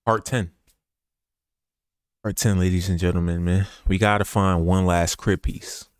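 Young male streamer, lowish voice, casual slang-heavy hype patter, dry sound. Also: fairly even intonation, measured pace, smooth, no echo. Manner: laid-back slangy hype talk, repeats phrases. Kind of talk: casual live gameplay commentary.

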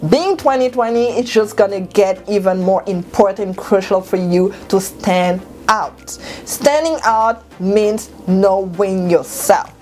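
Young woman from Cameroon, vlogger on a lapel mic at home, lively and emphatic, pitch leaps on key words. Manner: animated, gestures a lot, jumps up in pitch for emphasis. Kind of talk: talking to camera, motivational advice. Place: bedroom at home, indoors. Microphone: clip-on lapel mic.

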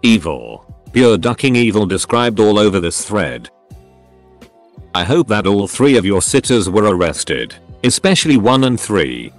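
A man narrating a string of online stories in a steady read-aloud manner, as a voice-over. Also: lowish voice, a little slow, soft background music.

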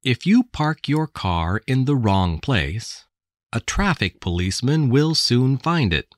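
An American woman reading English textbook passages aloud with careful, deliberate enunciation. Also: a bass voice, very animated, dry recording, studio quality. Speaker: English text reader. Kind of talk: slow scripted textbook reading.

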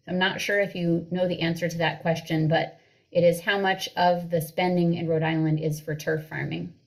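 A woman's voice: lowish voice, flat delivery, moderate pace. A middle-aged woman moderating an online panel, thanking speakers and reading out questions from the audience. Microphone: video call.

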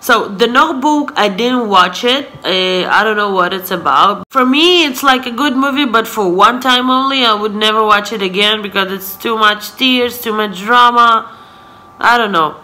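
On the high side and pushed and bright, her voice moves at a normal speed. She's a native Hebrew speaker from Israel in her twenties, vlogging a casual question-and-answer session from the sofa indoors, often laughing and saying "so yeah," with the camera close in front.

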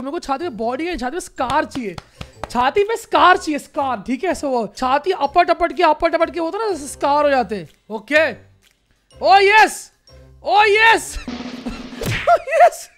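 A young man giving casual, joking gameplay commentary as a gaming YouTuber, excitable and repeating phrases in quick bursts. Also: extremely high pitch.

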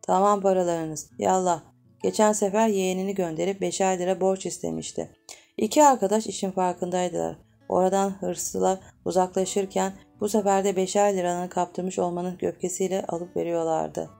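A woman narrates a novel in a steady, measured way. Her voice is low and gravelly with a dark, mellow tone, and soft guitar music plays behind her. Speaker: audiobook narrator. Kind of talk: novel reading.

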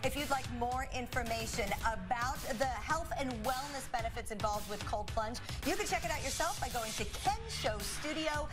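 A middle-aged woman with a very high voice hosts a studio talk show. She presents in a lively, bantering style over a loud music bed. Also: moderate pace, hardly any pauses. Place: TV studio couch.

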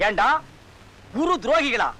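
A man's voice: extremely high pitch, very animated, a little slow, sharp tone, exaggerated voice. An actor playing an indignant male sorcerer-guru who scolds and rants at his disciples in a film comedy. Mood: scolding. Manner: angry, scolding, ranting. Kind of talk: Tamil film comedy dialogue.

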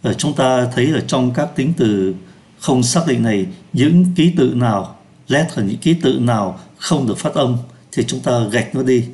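A man teaching French pronunciation in Vietnamese, slowing down to sound out French words. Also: medium pitch, lively intonation, a little mellow. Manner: slows down to pronounce French words. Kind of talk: lesson explaining pronunciation.

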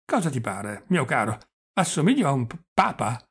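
A man's voice: mid-range voice, big pitch swings, normal speed, slightly rough. A man reading the part of a forgetful, rambling old prince who stammers and drops French phrases, in an audiobook. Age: older.

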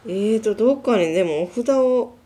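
Animated young Kansai woman playing a game. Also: medium pitch, moderate pace, noisy background. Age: young adult. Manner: reads game text aloud and talks to herself. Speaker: gaming show host. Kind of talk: casual horror game let's play commentary.

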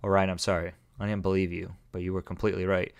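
A man reading the lines of a brisk, impatient young woman gym leader in a game let's play. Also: sits low, level tone, clean tone, no room sound.

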